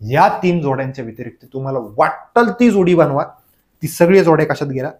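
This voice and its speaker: A man's voice: fairly high pitch, brisk, darkish tone. A male teacher giving an exam revision lecture in grammar, asking questions and answering them himself, over and over. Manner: drilling with repeated questions and answers.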